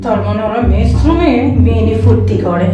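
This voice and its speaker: An actress playing a young woman, the poet's girlfriend, quick to anger and shouting accusations. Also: on the high side, expressive, reverberant, lightly acted. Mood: indignant. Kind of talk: TV comedy drama. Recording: music bed under dialogue.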